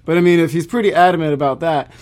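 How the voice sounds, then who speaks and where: A male church musician chatting on a podcast in a friendly, easygoing way, tossing in quick asides. His voice sits a little above the usual male pitch. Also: steady tone, darkish tone. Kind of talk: casual podcast chat.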